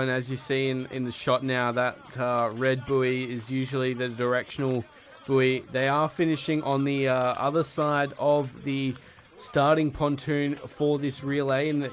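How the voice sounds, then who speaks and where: A man giving live play-by-play sports commentary, building to excited calls at the finish. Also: mid-range voice, slight background noise.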